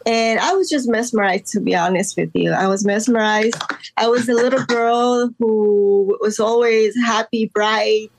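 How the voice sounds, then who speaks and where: Woman guest artist from Guatemala, casual and halting, dry recording. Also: fairly high pitch, no room sound. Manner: hesitant, many fillers and restarts. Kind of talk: casual interview talk.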